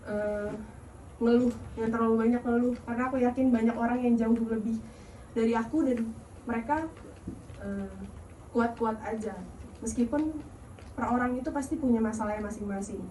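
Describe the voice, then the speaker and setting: A woman's voice: on the high side, fairly even intonation, moderate pace, long pauses, slight background noise. A nervous young woman, earnestly sharing a personal testimony at a youth service in a large church hall. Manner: earnest, gentle, encouraging. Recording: echoey hall, voice far from mic.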